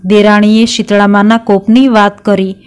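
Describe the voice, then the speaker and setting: A middle-aged woman narrating a devotional folk tale in a steady, plain storytelling manner. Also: mid-range voice, normal speed, smooth. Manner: steady, plain storytelling with quoted dialogue read in the same voice.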